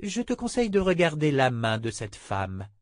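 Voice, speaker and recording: Man voicing a ruthless calm woman, commanding, slightly raised pitch, storybook. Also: normal speed, no room sound, clean studio sound. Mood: coolly stern.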